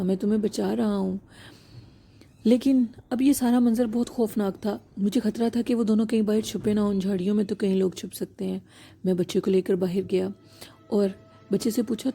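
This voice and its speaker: A woman narrates a horror story in a steady, unhurried voice that is dark and mellow. Her tone is gravelly and husky, with faint music playing softly behind her. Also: mid-range voice. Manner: steady, unhurried reading with small slips. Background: faint background music.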